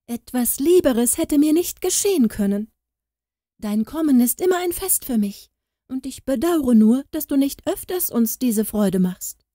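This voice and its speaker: A woman's voice: mid-range voice, lively intonation, a little slow, warm tone, no echo, studio quality, voice pushed up. A woman voicing a hypocritical housewife who gushes with sugary, overdone politeness in a storybook. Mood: gushing. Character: scheming hypocritical housewife, gushing and false.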